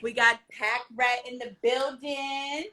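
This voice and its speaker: A woman's voice: high voice, steady tone, slow pace, pushed and bright. An American woman hosting a casual live interview with slangy, effusive hype. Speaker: host.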